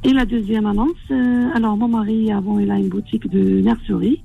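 Older woman from Morocco, radio caller, halting and apologetic, husky, faint music. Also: mid-range voice, steady tone, mellow, low-quality recording. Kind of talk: phone-in chat.

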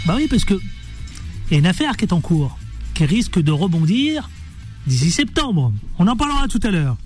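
A male radio host with a high voice that swings up and down a lot. He talks playfully and with plenty of energy, moving fast from one topic to the next. Faint music plays behind him in the studio. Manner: animated, playful, jumps between topics. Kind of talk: lively radio show chat.

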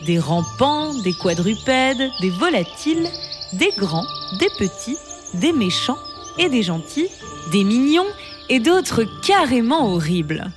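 A woman narrating a fable in an expressive storybook reading style. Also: on the high side, takes it slowly. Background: background music.

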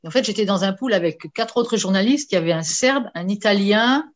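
Woman journalist, chatty anecdote teller, mid-pitched, repeats herself, lively delivery. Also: a little fast. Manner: lively storyteller with many fillers and repetitions. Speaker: sports journalist. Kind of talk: anecdote in casual conversation.

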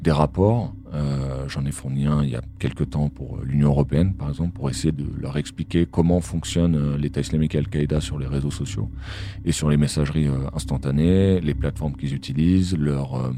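A man's voice run through a voice changer, dropped to an extremely deep, unnatural pitch. He talks as an analyst guest in an interview, calm and explanatory, pausing often on fillers as he thinks. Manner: measured explanatory talk with frequent hesitations. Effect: voice changer, disguised voice. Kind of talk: podcast interview.

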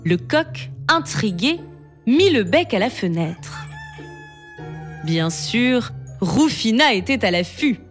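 A woman narrating a bedtime story at an unhurried, gentle pace, her voice rising and falling expressively. Soft music plays faintly beneath her. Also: on the high side. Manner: slow, expressive reading.

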